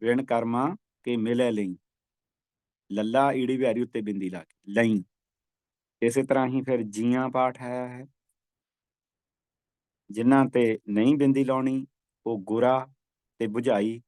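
A man teaching scripture recitation, chanting verses slowly and repeating them for practice. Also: medium pitch, steady tone, a little mellow, no room sound.

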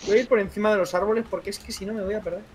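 A man from playing a game with friends, talking quickly and joking. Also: high voice, fairly even intonation, a crowd in the background, rough recording. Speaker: co-player. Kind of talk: casual game chat.

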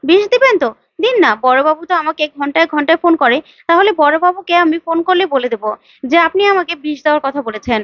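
A woman reads out a scheming young wife who coaxes and wheedles to get her way. The voice is high-pitched, dry and slightly dull. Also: expressive, fast, no echo. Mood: wheedling. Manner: wheedling, coaxing.

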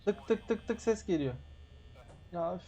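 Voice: mid-range voice, expressive, normal speed, dark tone. A streamer doing live horror gameplay commentary, grumbling and cursing constantly and shrieking at jumpscares. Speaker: game streamer.

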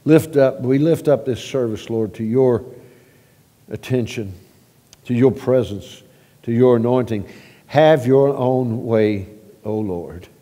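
A man leading a church prayer at a pulpit microphone, halting with repeated words and swelling louder as he prays. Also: mid-range voice. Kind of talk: spoken church prayer and announcements. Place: church sanctuary. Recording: long reverb of a church sanctuary.

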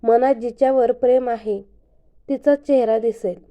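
Brief: woman reading a coaxing radio host, slow and mellow. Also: on the high side, steady tone, muffled recording, lightly acted. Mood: chatty. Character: male radio host speaking on air.

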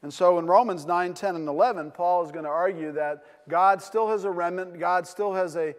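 A man's voice: sits high, moderate pace. An older man with a New England accent preaching a sermon from a pulpit in a large wood-paneled church, earnest, with rhetorical questions and frequent fillers. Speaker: pastor. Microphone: pulpit mic. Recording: long church reverb.

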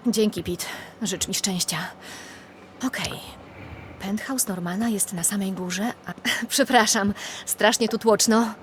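A woman's voice: medium pitch, steady tone, slow, pauses often, slight background noise, lightly acted. A young woman voicing a plucky, wry reporter sneaking about in a video game, talking to herself. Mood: wry, determined.

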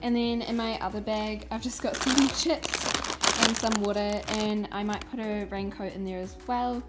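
A teenage girl from New Zealand vlogs on a phone held at arm's length, chatting in a giggly, informal way as she moves through rooms at home and then out to the stable and paddock. Her mid-range voice is fairly even and moderately paced, heard over loud music.

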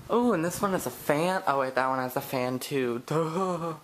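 A man's voice: fairly high pitch, moderate pace, a little hiss or hum. A young man filming a casual vlog outdoors at a woodland retreat camp, giving a joking, teasing tour with a handheld camera. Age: young adult. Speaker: vlogger.

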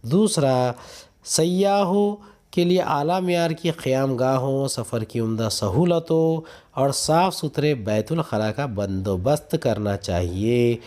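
With a medium-pitched, darkish voice and an unhurried pace, this male teacher works through textbook questions and answers. He's instructional, calling out numbered points one by one.

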